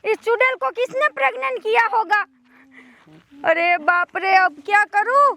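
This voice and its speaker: A woman playing a village woman in a rural comedy sketch, calling out loudly and dramatically. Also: very high voice, unhurried, gravelly, no room sound.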